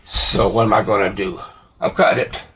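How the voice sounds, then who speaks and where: His voice is on the low side, fairly even in intonation, moderately paced, and pushed and bright. He is a hobbyist repairer in an indoor workshop, casually rambling and thinking aloud under his breath as he works. Background noise is clearly heard, along with clicks from handling.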